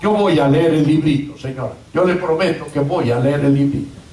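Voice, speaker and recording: A remorseful young male prisoner, voiced by a woman preacher, pleads softly and tearfully. His voice sits low and hushed. The sound carries from a distance through an echoing church. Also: brisk, slight background noise, lightly acted. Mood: pleading. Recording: roomy church sound from far off.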